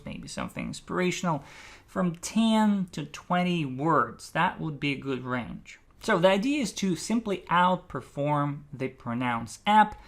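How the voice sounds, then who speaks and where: A speech coach giving an articulation lesson, demonstrating drills with deliberate, stretched and stressed words. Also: medium pitch, a bit bright.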